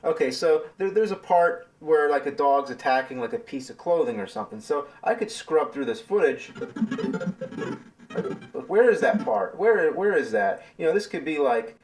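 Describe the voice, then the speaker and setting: A man's voice: on the high side, animated, moderate pace, a little mellow, faint music behind. A man casually walking through how he edits his videos. He talks in a loose, rambling way with plenty of fillers. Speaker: video creator explaining his editing. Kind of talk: casual behind-the-scenes explanation.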